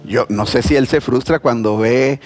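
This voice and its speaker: Pastor preaching over soft music. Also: male voice, medium pitch, moderate pace. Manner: conversational, animated storytelling with voiced quotes. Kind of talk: sermon. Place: church.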